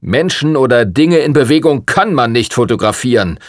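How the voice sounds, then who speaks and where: A man's voice: big pitch swings, measured pace, husky, no echo, clean studio sound, heavily acted. A man doing a stern, pompous old prince. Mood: impatient, lecturing. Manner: stern, lecturing, booming laugh. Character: older male prince, impatient and pompous.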